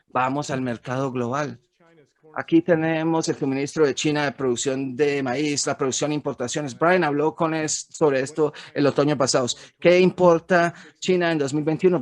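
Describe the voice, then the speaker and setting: A man, an economist, giving a frank, emphatic webinar presentation over slides, with some fillers and restarts. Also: fairly high pitch. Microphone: webinar recording.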